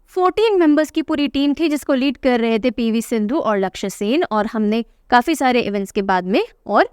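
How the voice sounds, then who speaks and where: A woman's voice: a little high, lively intonation, moderate pace, clear, resonant tone, no echo, clean studio sound. A young woman teaching an exam-prep lesson, chatty and teasing, repeating key names to drill them in. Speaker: current affairs teacher.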